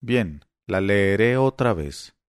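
A man voicing an irritable eighty-year-old father who stumbles over words and turns sharp and shrill when annoyed, read aloud in an audiobook. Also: animated, clean tone, no echo, studio quality. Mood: testy. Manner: halting, testy, voice rising when irritated.

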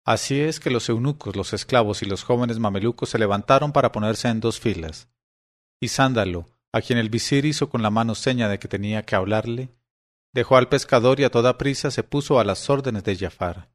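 A man narrating an audiobook of classic tales at a middle pitch. His delivery is even and clear, the steady pace of a storyteller reading a long book aloud. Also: a little fast.

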